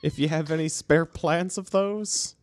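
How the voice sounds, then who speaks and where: A man playing a tabletop game, speaking with dry, deadpan sarcasm. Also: on the high side, measured pace. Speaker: player. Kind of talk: in-character tabletop role-play.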